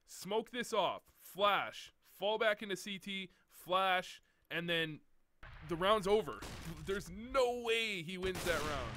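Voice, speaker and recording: A man's voice: high-pitched, sharp tone, a little hiss or hum. A young man casually commentating over gameplay, coaching bluntly and swearing often as he points out mistakes. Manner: blunt, profane, exasperated teaching. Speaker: game coach reviewing a demo.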